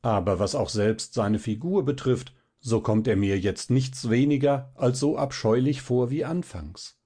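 A man voicing a calm young male student in a storybook reading, matter-of-fact in tone. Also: mid-range voice, measured pace, husky.

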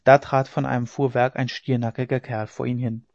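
A male narrator reads a classic tale in a measured, dramatic way, at an ordinary male pitch. The recording is slightly dull and lo-fi, and completely dry with no room echo. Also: little pitch movement, vocal fry, a little mellow. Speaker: audiobook narrator. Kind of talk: literary audiobook narration.

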